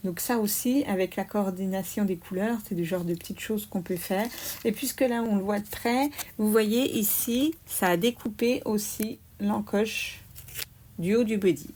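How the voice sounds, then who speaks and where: A woman calmly explaining a card-making craft step by step, with little asides as she works. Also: mid-range voice, slight background noise. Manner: slow, explaining each step aloud, small "hop" asides. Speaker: craft demonstrator.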